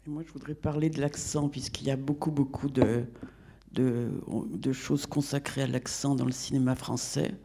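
A man's voice: medium pitch, level tone, normal speed, warm tone, husky. A man on a discussion panel, speaking in an opinionated, discursive way. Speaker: panel guest.

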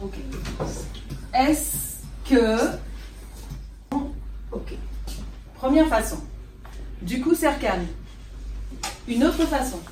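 A woman's voice: sits high, expressive, extremely slow, long pauses, a little mellow, a little hiss or hum. A woman teaching a French class, patient, and checking in with her students often. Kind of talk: classroom lesson. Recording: roomy classroom recorded from a distance.

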